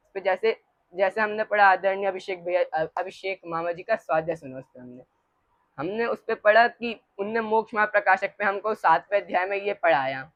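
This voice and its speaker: A woman's voice: medium pitch, dry recording. A woman giving a religious study lesson to a group, hesitant, with many fillers and restarts. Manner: leads the group in call-and-response repetition. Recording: dull muffled dry recording.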